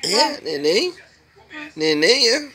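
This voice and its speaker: Um homem com sotaque brasileiro, filmando o bebê com o celular num quarto pequeno e falando com ele em tom carinhoso e arrastado. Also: male voice, sits high, sing-song, pushed and bright. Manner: doting baby talk, drawn-out words, playful questions. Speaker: parent filming his baby. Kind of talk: casual home video. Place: small bedroom indoors. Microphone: handheld phone camera, speaker behind it.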